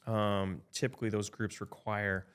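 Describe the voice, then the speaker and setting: A man in his fifties with a lowish voice talks through insurance options as an advisor in a loose podcast conversation. He thinks aloud, backs up and restarts, and keeps tossing in "right?" to check that his listener is following. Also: level tone, moderate pace, fairly bright tone, clear, resonant tone. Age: 50s. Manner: chatty, frequent "right?" tag checks and restarts. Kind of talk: casual podcast explanation.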